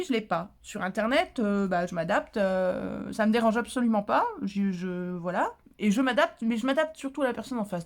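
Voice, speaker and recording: A woman vlogger chatting casually about crafting, talkative and lively, with many fillers, restarts and playful indignant asides. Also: medium pitch.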